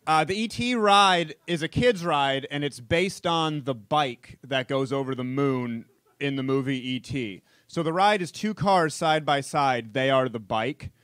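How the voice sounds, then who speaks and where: A man's voice: mid-range voice, unhurried, fairly bright tone, clear, resonant tone, no room sound. A young man telling a funny personal story on stage to a live audience, casual and wry. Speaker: storyteller comedian. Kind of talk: stand-up storytelling.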